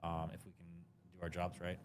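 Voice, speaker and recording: A man with a low voice gives relaxed, halting answers as a guest on a live show. Faint conference-floor hum sits behind him. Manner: relaxed, many ums and uhs. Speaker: guest, crypto marketing lead. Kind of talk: casual interview answers.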